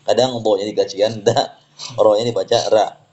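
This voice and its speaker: A man teaching tajwid, explaining slowly, repeating words and reciting examples for students to echo. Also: lowish voice, fairly even intonation, a little mellow, muffled recording.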